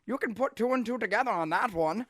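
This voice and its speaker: A man's voice: sits high, expressive, quick pace, dry recording, clean studio sound, pitched above the performer's own voice. A man voicing Lord Death, a cheerful, goofy, nonchalant cartoon father with a chirpy, folksy, breezily blunt manner. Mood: breezy, chatty. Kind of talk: comedic cartoon character voice.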